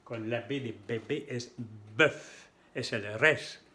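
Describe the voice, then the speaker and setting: A man gives a slow, patient pronunciation lesson, modeling each sound and repeating words so learners can follow. His voice sits at an ordinary middle pitch, and his pace is unhurried and careful. Spanish is not his first language. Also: pushed and bright, a little hiss or hum. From French-speaking. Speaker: French pronunciation teacher. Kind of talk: slow explanatory lesson with examples.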